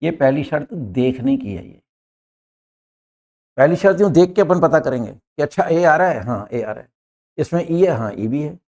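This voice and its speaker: A man's voice: on the high side, a little mellow. A man teaching English grammar, explaining step by step, repeating each point and addressing viewers as friends. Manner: points at words on a board as he explains. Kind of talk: explanatory lesson.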